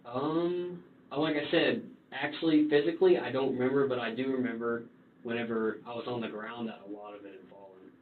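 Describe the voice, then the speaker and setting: Halting young man on a distant, tinny recording. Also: medium pitch, fairly even intonation. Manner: halting, rambling, informal. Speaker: suspect being interviewed. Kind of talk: police interview answers. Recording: distant roomy, tinny, noisy interview recording.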